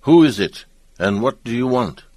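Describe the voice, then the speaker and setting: A man doing a gruff old island grandfather. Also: lowish voice, expressive, measured pace, no room sound.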